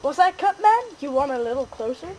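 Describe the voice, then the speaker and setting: Very high-voiced teasing woman behind the camera. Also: very animated, fairly quick, darkish tone, slight background noise.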